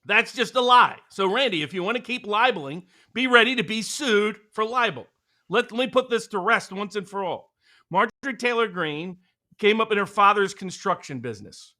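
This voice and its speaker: A man's voice: high-pitched, animated, moderate pace, pushed and bright. A man co-hosting a political commentary show, talking emphatically and sarcastically. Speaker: co-host.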